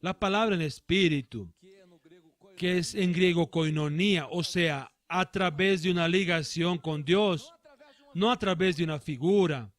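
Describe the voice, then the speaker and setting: High-voiced man preaching a sermon. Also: fairly bright tone. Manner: emphatic preaching with slow stressed phrases. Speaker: pastor. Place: church.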